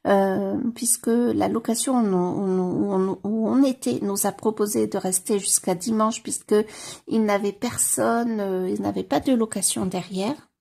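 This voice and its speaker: A French woman talks about her books in a relaxed vlog, often pausing to search for words and restarting her sentences. Her voice sits a little high but has a husky, gravelly texture. She speaks slowly, with plenty of fillers along the way. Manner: hesitant, many fillers and restarts. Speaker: book vlogger. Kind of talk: casual chat about books.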